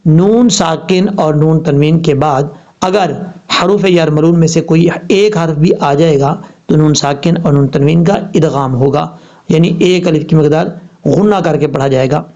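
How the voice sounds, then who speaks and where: A man with a Pakistani Urdu accent and a slightly high voice teaches Quran recitation. He explains each rule step by step, then recites the example words slowly and drawn out. The recording sounds dull and lo-fi. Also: mellow. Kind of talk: tajweed lesson.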